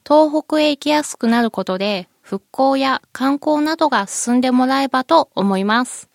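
High cute anime-style woman's voice, very polite. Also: animated, moderate pace, creaky, no room sound, studio quality. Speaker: interviewed highway company spokesperson. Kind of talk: polite prepared explanation in radio interview.

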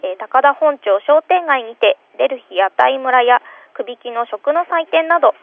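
High, cute anime-girl voice over the phone. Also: moderate pace, no room sound. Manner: polite. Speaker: phone-in correspondent from a city tourism office. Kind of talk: prepared event report in a radio phone interview. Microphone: telephone. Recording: tinny telephone line on radio.

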